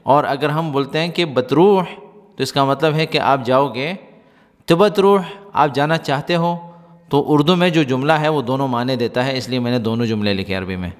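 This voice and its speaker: Male language teacher, mid-pitched, patient and repetitive, reverberant room. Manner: explains slowly, repeats phrases with translations. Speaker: Arabic teacher. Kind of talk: language lesson in Urdu. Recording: hall reverb.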